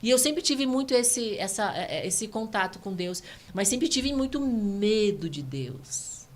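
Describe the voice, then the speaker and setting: A woman in her thirties from Brazil, a guest giving an emotional personal testimony, animated and earnest. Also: mid-range voice. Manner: fast, earnest, animated storytelling.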